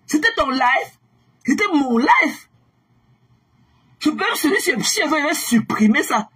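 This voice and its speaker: A woman ranting angrily on her own livestream, taunting viewers with repeated mocking questions and bursts of shouting. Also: high voice, lively intonation, normal speed. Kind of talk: angry livestream rant at viewers.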